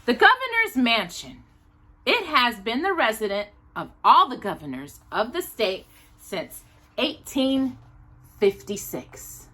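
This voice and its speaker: In a sing-song, bright and forceful voice pitched fairly high, an American woman from Texas reads a nonfiction children's book slowly as a storytime host. Along the way she makes chatty, informal asides and fumbles longer words.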